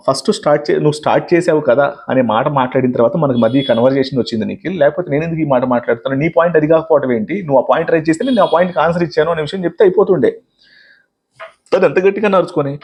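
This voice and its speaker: A man reviewing a reality show, recapping contestants' arguments with emphatic commentary and quoting them in a lower voice. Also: a little mellow, breathy edge.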